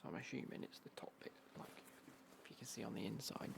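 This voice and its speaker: A British man whispering in a casual, rambling ASMR unboxing style, breathy and hushed, with dry, understated commentary. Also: fast, noisy background. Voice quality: breathy, hushed whisper with creaky low murmur. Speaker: ASMR vlogger showing golf clothing.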